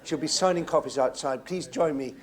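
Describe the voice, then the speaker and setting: A man chairing a live book event in an auditorium, moving questions along and wrapping up with jovial remarks. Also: fairly high pitch. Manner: brisk, jovial when wrapping up.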